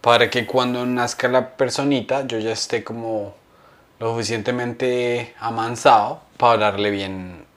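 Animated man telling stories. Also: medium pitch, unhurried. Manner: animated storyteller, slangy, acts out quotes. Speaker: podcast co-host. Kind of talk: casual comedic chat.

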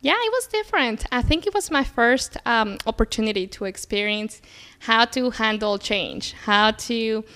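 A woman's voice: on the high side, expressive, normal speed, bright, forceful tone. A young adult woman from Colombia, a native Spanish speaker, talking upbeat and positive as a podcast guest, with frequent fillers. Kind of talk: casual interview conversation.

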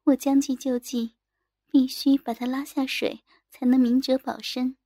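A woman's voice: sits high, little pitch movement, a little slow, mellow, no room sound, studio quality. A woman narrating a first-person adult audio story in an intimate manner, speaking directly to the listener.

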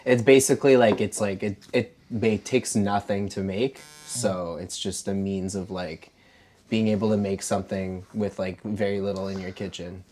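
A man from Quebec with a fairly low voice chats easily as a co-host. He rambles a little and leans on fillers. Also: steady tone, normal speed, darkish tone. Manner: easygoing, rambling, many fillers. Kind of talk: casual chat.

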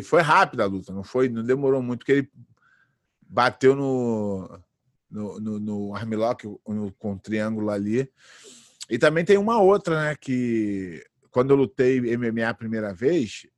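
A man in his late thirties, a jiu-jitsu fighter, telling lively anecdotes in a casual interview. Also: medium pitch, moderate pace, dry recording. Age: late 30s. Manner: animated anecdotes, acts out quoted voices.

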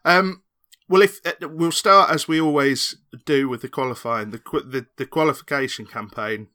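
Bright-voiced man chatting football. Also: fairly high pitch, moderate pace. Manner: rambling, enthusiastic analysis. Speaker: podcast panelist. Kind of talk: casual chat.

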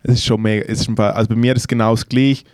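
A man teases his co-host on a podcast with dry wisecracks. His pitch is medium for a man. The recording is dry and close to the mic. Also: little pitch movement, very fast, a little mellow, clear, resonant tone, no echo. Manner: teasing, dry jokes. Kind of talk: casual banter.

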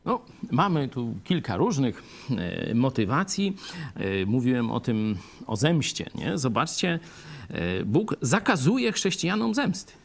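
A man preaching a sermon, emphatic, swinging between raised peaks and low, hushed phrases. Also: very animated, a little slow, gravelly.

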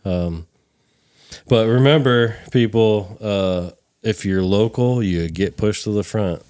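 A man's voice: on the low side, slow, darkish tone, dry recording, clean studio sound. A man in his thirties hosting a podcast, loose and joking, swearing often. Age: 30s. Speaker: podcast host. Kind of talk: casual podcast chat.

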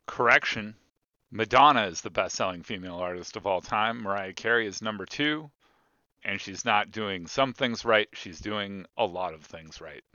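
A man's voice: fairly low pitch, normal speed, bright, forceful tone, dry recording. A man putting on a beeping robot voice to correct a fact, sounding clipped and mechanical. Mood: mock-robotic. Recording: lo-fi dull sound.

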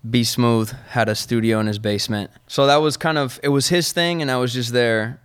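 A man's voice: medium pitch, a little fast, a bit bright, clean tone, dry recording, studio quality. A man from Argentina, a musician guest, telling his story in a casual, easygoing interview and laughing often.

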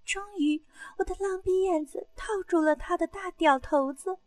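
Very high-voiced woman narrating an erotic story. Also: moderate pace, dry recording. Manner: breathless moaning cries between lines.

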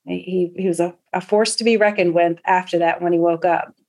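A woman's voice: on the low side, steady tone, a little fast, a little mellow. A woman guest recounting a family medical story in an earnest, heartfelt way, with frequent fillers and restarts. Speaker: interview guest, patient's wife. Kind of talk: personal storytelling.

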